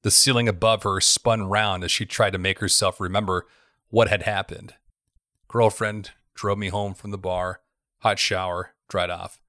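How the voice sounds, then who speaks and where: A man narrating a thriller story in a steady, even storytelling voice. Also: on the low side, no echo, studio quality.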